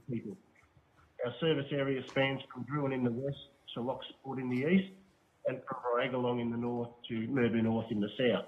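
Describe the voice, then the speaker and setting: A man's voice: mid-range voice, narrow, tinny audio. A man reading a formal statement at a hearing, speaking with the phone held away from his mouth over a fuzzy line. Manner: measured, halting with fillers. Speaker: water utility manager giving evidence.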